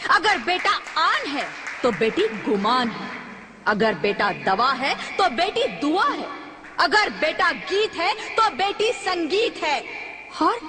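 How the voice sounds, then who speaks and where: A woman's voice: high voice, big pitch swings, slow pace, crowd noise, heavily acted. A woman playing the grieving, accusing spirit of an unborn daughter in a declamatory, reproachful stage-drama delivery. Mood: indignant. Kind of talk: Hindi stage-drama acting.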